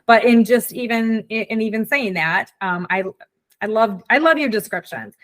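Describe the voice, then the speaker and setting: A woman's voice: a little high, moderate pace, fairly bright tone. A woman in her forties hosting a podcast, chatting reflectively and acting out her own thoughts. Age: 40s. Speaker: podcast host. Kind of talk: casual chat.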